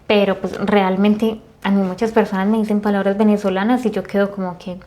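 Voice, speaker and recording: A woman's voice: medium pitch, flat delivery, fairly quick, dark tone. Colombian lady hosting an interview, chatty, keeps echoing her guest and asking more. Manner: chatty, echoes the guest and asks follow-up questions. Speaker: host. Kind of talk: conversational interview.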